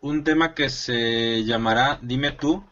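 A man, a songwriting student, presents his own bolero and sings it over a guitar, softly spoken between verses. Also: takes it slowly, highs cut off. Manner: soft-spoken, brief replies, then sings with rising pitch.

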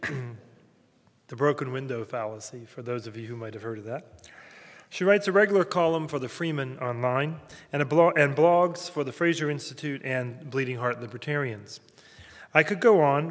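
A man with a Southern American accent giving a formal introduction at a campus lecture, halting often with fillers and restarts. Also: mid-range voice. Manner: hesitant, many fillers and restarts. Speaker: host introducing a speaker. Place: university lecture room. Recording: reverberant lecture hall.

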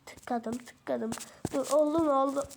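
High-pitched woman, unhurried and flustered, rambling over a phone-recorded game with a faint hiss. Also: steady tone, creaky, darkish tone. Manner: exasperated, rambling, talks to herself. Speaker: mobile gamer showing game settings. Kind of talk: casual screen-recorded gameplay chat. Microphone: phone microphone during screen recording.

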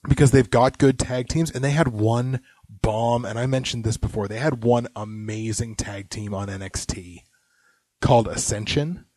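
A man's voice: mid-range voice, normal speed, a little mellow, no echo. Opinionated man, dry close sound. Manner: opinionated, rambling, drops to muttered asides. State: sick. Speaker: podcast co-host. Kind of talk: casual wrestling chat.

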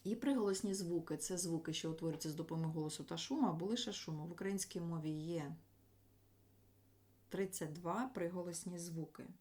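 A woman teaching a grammar lesson, explaining sounds deliberately and sounding out letters and words one by one. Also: lowish voice, a little mellow.

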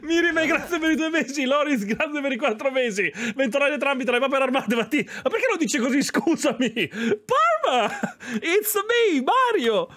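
A man's voice: very high-pitched, a little fast, hardly any pauses, fairly bright tone. A man from Bologna streaming live, reacting to a clip and laughing often. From Bologna, Italy.

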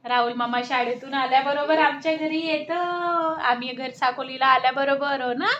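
High-voiced woman vlogging. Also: fairly even intonation, normal speed, a bit bright, lo-fi sound, slight background noise. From Sakoli, Maharashtra. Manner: chatty, coaxing a toddler in sing-song tones. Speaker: family vlogger. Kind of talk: casual home vlog. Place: family home indoors.

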